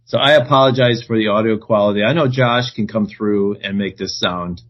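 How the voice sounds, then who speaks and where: A man co-hosting a casual podcast chat from the road over a weak internet connection without his headset, his voice coming through as low-quality stream audio. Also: moderate pace. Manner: chatty, poses questions to the group. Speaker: podcast co-host. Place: on the road, away from home. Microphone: no headset, built-in device mic. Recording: dull lo-fi internet call audio.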